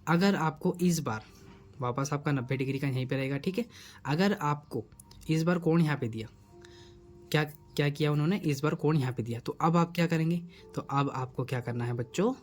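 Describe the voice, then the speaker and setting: A man's voice: a little high, brisk, faint music behind. A man teaching a math lesson at a board, who keeps asking his students questions and answering them himself. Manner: repeats questions to the students, coaxing.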